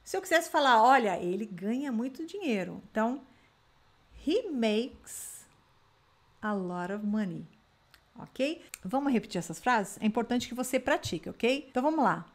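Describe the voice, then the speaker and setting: Brazilian lady teacher, chatty, slows way down on english phrases, bit high voice. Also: very animated. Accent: Brazilian Portuguese. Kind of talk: online English lesson.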